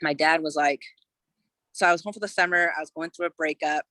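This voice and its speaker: A woman's voice: low-pitched, steady tone, fairly quick, sharp tone, dry recording. A woman in her thirties from California, a podcast guest telling her own story in a loose, frank way, full of "you know" fillers and casual swearing. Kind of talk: candid personal storytelling in conversation.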